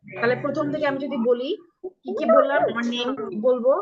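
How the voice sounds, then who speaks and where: A woman's voice: high-pitched, very animated, fairly quick, highs cut off, a crowd in the background. A woman with a Bangladeshi accent teaching English to children in an online live class over a video call, patiently repeating model phrases and checking that everyone understands.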